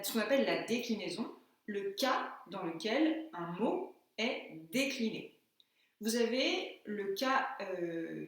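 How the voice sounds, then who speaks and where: A woman teacher giving a classroom lesson, slowly and patiently spelling out examples step by step. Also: a little high, far from the mic. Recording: echoey room, voice from off-mic.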